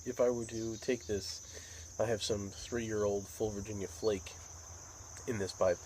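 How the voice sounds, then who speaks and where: Low-voiced American man, casual and musing. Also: fairly even intonation, unhurried, darkish tone, poor audio. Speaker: pipe tobacco vlogger. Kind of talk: casual rambling monologue. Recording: outdoor insect and cricket noise.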